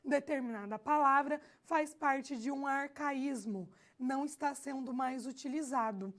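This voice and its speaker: A woman with a Brazilian Portuguese accent teaching a recorded online class, explaining slowly and repeating her key phrases. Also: high voice.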